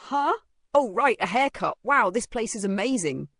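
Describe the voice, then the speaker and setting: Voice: mid-range voice, expressive, moderate pace, vocal fry, darkish tone, breathy edge, dry recording, studio quality. Narrator voicing a shy, hopeful teenage boy. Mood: flustered.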